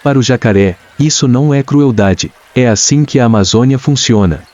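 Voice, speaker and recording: A man with a Brazilian accent reads scripted nature documentary narration in a measured, dramatic storytelling way. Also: mid-range voice, a little mellow. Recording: dull lo-fi sound with music. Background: clear background music.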